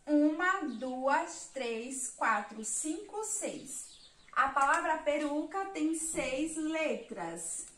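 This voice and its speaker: A woman's voice: high-pitched, expressive, extremely slow, pushed and bright, reverberant. A Brazilian woman teaching a remote lesson to young children, patiently counting aloud and spelling out words. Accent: Brazilian Portuguese. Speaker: primary school teacher.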